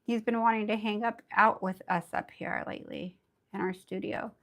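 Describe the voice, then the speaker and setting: A woman with a raspy voice, under the weather, teaching nail art in a bubbly, chatty live tutorial. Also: medium pitch, fairly even intonation, moderate pace. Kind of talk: casual live tutorial chat.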